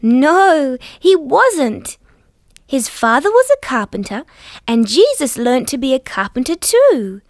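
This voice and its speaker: Dorothy the Dinosaur, a children's show character, speaks in a high, singsong female voice with an Australian accent. She's a friendly, gentle dinosaur teaching young children, telling a scripted story in a sweet, patient, carefully enunciated way. The studio sound is clean with no echo.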